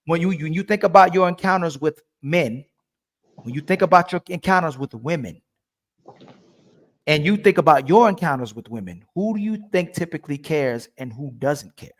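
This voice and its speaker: A man's voice: fairly high pitch, lively intonation, normal speed. A man hosting a livestream call-in debate, pressing his caller with repeated questions. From family from Turkey. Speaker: livestream host.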